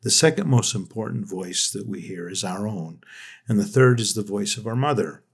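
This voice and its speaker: A man's voice: lowish voice, lively intonation, normal speed, vocal fry, breathy edge. Guy hosting a podcast, kinda rambly and reflective, keeps restarting his sentences. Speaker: podcast host. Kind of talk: casual conversation.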